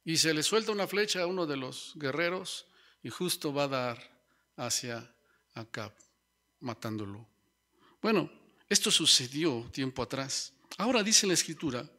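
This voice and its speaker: A man's voice: a little high, pushed and bright. A man preaching a Bible sermon who speaks to his listeners as brothers and keeps tagging his lines with rhetorical questions.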